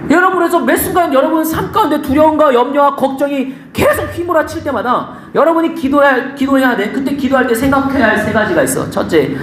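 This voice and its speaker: A pastor preaching a sermon in a casual, conversational way, asking the congregation rhetorical questions. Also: sits high. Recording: echoey room with faint background noise.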